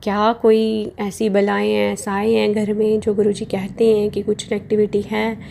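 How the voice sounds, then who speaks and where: A woman in her forties telling a devotional story to listeners, slow and earnest, pausing often and addressing them respectfully. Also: mid-range voice, monotone, vocal fry, warm tone. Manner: slow, earnest, with frequent pauses. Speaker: devotee sharing experiences.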